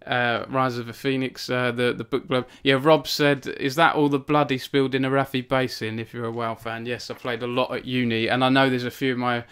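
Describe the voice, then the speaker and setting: A man's voice: medium pitch, flat delivery, fairly quick, hardly any pauses, a bit bright, clean tone. A young man hosting a casual live stream from his home cabin, rambling with many fillers and self-deprecating asides. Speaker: author hosting a book launch stream.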